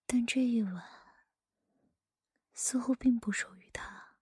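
Woman acting a teasing older sister, breathy whispered role-play right in your ear. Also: on the high side, warm tone, dry recording, studio quality, exaggerated voice. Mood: slow, sultry. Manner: slow, intimate whispering right in the listener's ear. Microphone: close microphone, dry.

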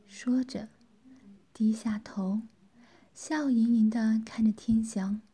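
A woman narrating a story in a soft, hushed whisper. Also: on the high side, breathy edge.

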